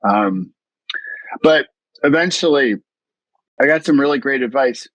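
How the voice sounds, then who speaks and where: Speaking a little slowly and expressively, this man has a mid-range, somewhat bright voice, captured in a rough recording without echo. Middle-aged and from the US East Coast, he's a mindfulness coach on a podcast, sharing his story with earnest reflection and repeatedly restarting what he says.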